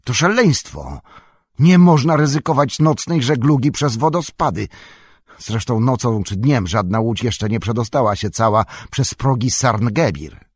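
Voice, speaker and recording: A man reading as a proud warrior in a storybook, shouting forcefully over the danger. The voice is husky, even when raised. The sound is dry and close. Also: lowish voice, normal speed, no room sound, pitched above the performer's own voice. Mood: alarmed.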